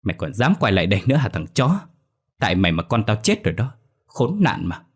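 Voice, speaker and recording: A man's voice: fairly low pitch, sing-song, fast, a little mellow, slightly rough. A man voicing a bitter young concubine who sobs and screams accusations in a ghost story reading. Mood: venomous.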